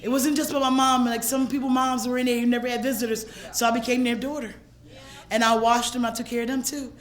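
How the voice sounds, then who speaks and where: A woman from gives a personal recovery testimony at a convention. She moves between hushed storytelling and raw, shouted passages. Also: a little high, little pitch movement, fast. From Philadelphia, USA. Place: convention hall stage.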